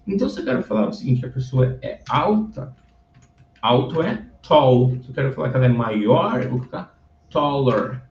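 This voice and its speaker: A man's voice: mid-range voice, big pitch swings, moderate pace, darkish tone, a little hiss or hum. A man teaching English, patiently repeating words for practice. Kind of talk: bilingual teaching of English through Bible stories. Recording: dull, roomy recording from a distance.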